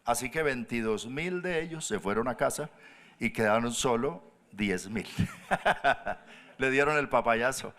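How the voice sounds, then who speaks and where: A pastor preaching a sermon, animated, jumping up high for emphasis and dropping to soft low tones. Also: male voice, a little slow. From Colombia.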